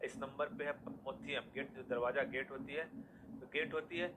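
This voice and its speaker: A man's voice: medium pitch, steady tone, moderate pace, background noise. A man teaching a classroom lesson in Hindi mixed with English terms, repeating his questions and then answering them himself to drill memory tricks.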